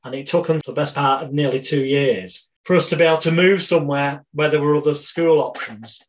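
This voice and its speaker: A man's voice: on the high side, fairly quick. A British man in his forties, a podcast guest telling life stories in a rambling, wry, anecdotal way. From Britain. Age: 40s. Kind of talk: casual storytelling interview.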